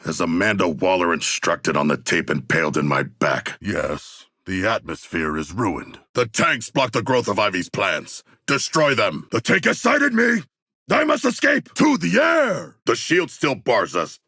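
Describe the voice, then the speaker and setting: A man voicing an earnest shark warrior demigod in a video game, speaking gravelly, grandly formal lines with literal-minded sincerity. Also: fairly low pitch, big pitch swings, unhurried, bright, forceful tone, dry recording, studio quality, heavily acted. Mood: low, musing, then urgent, bellowing.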